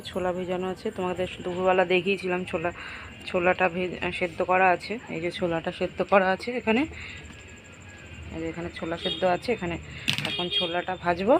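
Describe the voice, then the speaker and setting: A woman's voice: lowish voice, background noise. A middle-aged woman vlogging to viewers as she moves through housework and cooking at home, chatting casually and repeating herself. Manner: running commentary on chores, repetitive. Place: home kitchen.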